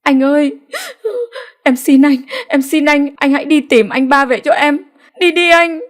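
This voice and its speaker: A woman's voice: high-pitched, steady tone, very slow, mellow, voice pushed up. A woman voicing a grief-stricken young pregnant wife who cries out and pleads through tears in an audiobook story. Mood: pleading.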